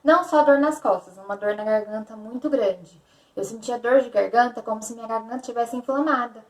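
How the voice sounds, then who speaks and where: Young brazilian woman vlogging, kinda high voice, repeats herself a lot, sounds far off in an echoey room. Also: brisk. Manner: candid, repetitive storytelling. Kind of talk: personal confessional vlog.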